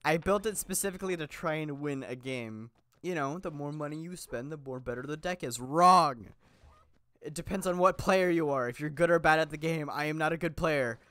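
A man's voice: on the high side, brisk, few pauses, fairly bright tone, no echo, studio quality. Chatty young man, rambling game commentary. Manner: rambling, chatty, laughs often, many fillers and restarts. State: a little sick. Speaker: gaming YouTuber. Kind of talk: casual gameplay commentary.

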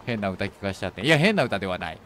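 A man's voice: on the low side, big pitch swings, very fast, a bit bright, a little hiss or hum. A man with a Kansai accent chatting casually and joking while streaming a game. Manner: chatty, joking, teasing asides. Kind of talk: casual gameplay commentary.

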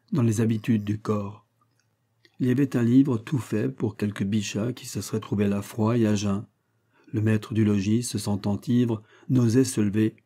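A man narrating a classic novel as an audiobook, measured and expressive. His voice sits low, with a dark, mellow tone. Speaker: audiobook reader.

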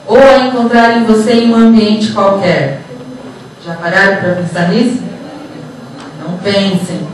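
A woman with a mid-range voice, a psychologist and HR professional, gives an informal motivational lecture to students in an auditorium, keeping it conversational with short tag questions. Her handheld microphone plays through room speakers, and the distant recording captures a noisy, echoey hall from far off.

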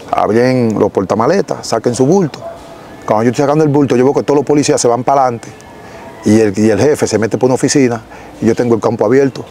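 Mellow-voiced Dominican young man. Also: medium pitch, slight background noise, rough recording. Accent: Dominican Spanish. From Dominican Republic. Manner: animated, gesturing, frequent self-corrections. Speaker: interview guest. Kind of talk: casual storytelling. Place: outdoors in a rural yard. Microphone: lapel.

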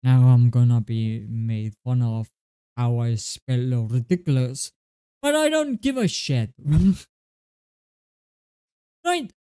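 Young man, Estonian accent, slow deliberate pace, exasperated ranting to a webcam, close mic. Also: medium pitch, lively intonation, warm tone, clear, resonant tone. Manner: exasperated, swearing, slow and halting with restarts. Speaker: gaming video creator. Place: small indoor room at a desk.

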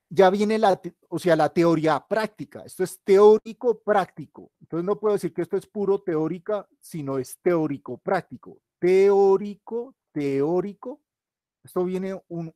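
A man's voice: high voice, a little mellow, no room sound, clean studio sound. A tired male teacher giving an online class, thinking aloud and correcting himself as he works through the board. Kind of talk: online class with a shared whiteboard.

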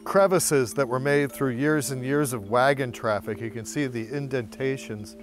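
A man's voice: mid-range voice, moderate pace, over music. A middle-aged man, guiding a walking tour outdoors in a playful, storytelling way. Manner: storytelling, lively, playful asides. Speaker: tour guide. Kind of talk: on-camera walking tour presentation. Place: outdoors on historic city streets and alleys.

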